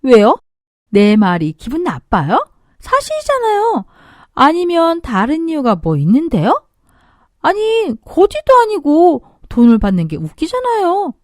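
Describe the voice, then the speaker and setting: A woman's voice: high voice, wildly swooping pitch, measured pace, darkish tone, dry recording, clean studio sound, voice pushed up, full character voice. A woman doing a bratty, sneering young sister-in-law. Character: spoiled young sister-in-law, rude and shrill.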